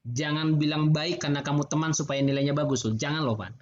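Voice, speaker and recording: A middle-aged man with an Indonesian accent, a lecturer giving chatty, relaxed feedback to students over a video call. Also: fairly high pitch, quick pace. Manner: relaxed, chatty, laughs often. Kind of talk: online class feedback. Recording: muffled video-call audio with faint background noise.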